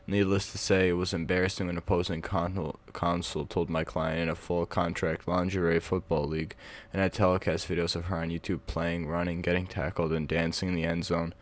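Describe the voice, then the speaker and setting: A man's voice: deep voice, level tone, brisk, few pauses. A man reading stories aloud for his vlog in a casual, offhand way, with mumbled asides. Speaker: Reddit reading vlogger.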